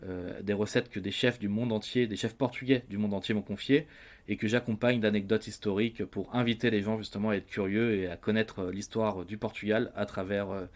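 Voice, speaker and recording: A man in his thirties from France with a fairly low voice, talking casually as a podcast guest. He hesitates often, filling pauses with small sounds and restarting his sentences. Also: fairly even intonation. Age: 30s. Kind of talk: casual personal storytelling.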